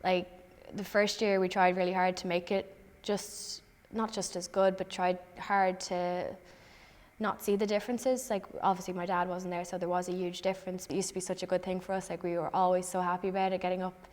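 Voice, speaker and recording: Brief: young woman interviewee, composed, brisk flat delivery. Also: on the low side, in a large hall. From Ireland. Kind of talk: documentary interview.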